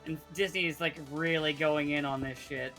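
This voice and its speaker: A man's voice: on the high side, fairly even intonation, moderate pace, bright, forceful tone, soft background music. A man chatting casually as a fellow player, opinionated and sweary, often stumbling over his starts. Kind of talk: casual gameplay chat.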